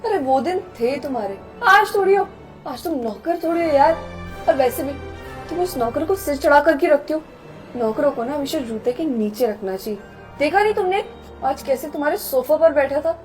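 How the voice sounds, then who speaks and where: A haughty young woman, played by an actress, who scolds and sneers at the poor in a shrill, very high voice. She speaks in a melodramatic web skit style, with faint music under her lines. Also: animated, moderate pace. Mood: scornful. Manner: scolding, contemptuous, shrill outbursts. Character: snobbish, scornful young woman, rude to the poor. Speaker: actor in a short skit.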